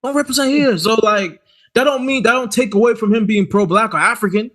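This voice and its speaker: His voice is extremely high and fast as he co-hosts a podcast in casual, animated conversation. He often stammers and starts sentences over.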